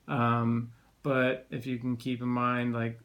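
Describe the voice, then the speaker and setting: A man speaks casually to his viewers in a personal vlog update while nursing a sore throat after surgery. His pitch sits in an ordinary male range and moves very little. He explains things in a loose, rambling, conversational way. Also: completely flat delivery, slow pace, fairly bright tone. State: recovering from tonsillectomy, sore throat. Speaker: video blogger.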